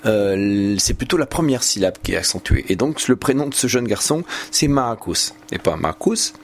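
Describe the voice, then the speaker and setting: A man's voice: lowish voice, expressive, brisk, gravelly, slight background noise. A man, a language teacher giving a student patient, encouraging spoken feedback with frequent hesitations.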